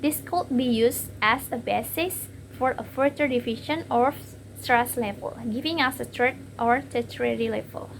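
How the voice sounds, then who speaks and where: A woman's voice: high voice, moderate pace, creaky, hardly any pauses, slight background noise. A young woman giving a class presentation on word stress, hesitating with fillers and repeating each example word.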